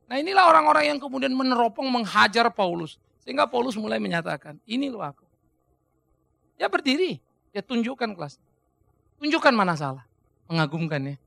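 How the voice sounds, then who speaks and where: A man preaching a topical sermon. He swings between loud outbursts and quiet asides and keeps asking the congregation rhetorical questions. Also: very high-pitched, gravelly, no room sound.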